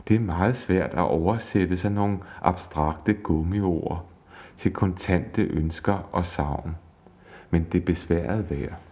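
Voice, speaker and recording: A man with a very deep voice reads a self-help text on couples and conflict aloud. His delivery is measured and explanatory. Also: a little mellow.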